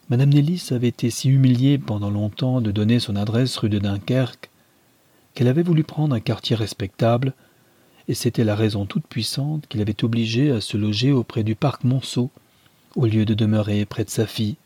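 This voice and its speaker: A man reading a classic novel aloud in measured, even scripted narration. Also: on the low side, husky, no echo. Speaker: audiobook reader.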